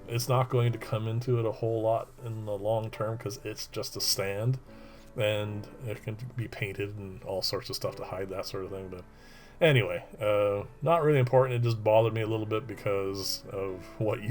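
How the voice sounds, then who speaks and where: A middle-aged man presenting a casual woodworking voice-over in a monotone, droning, rambling and hesitant way. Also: lowish voice, normal speed, soft background music. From Canada.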